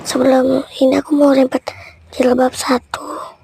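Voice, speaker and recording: A woman with a hoarse voice from a cough, casually narrating a vlog. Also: high voice, monotone, unhurried, mellow, no room sound. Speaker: vlogger.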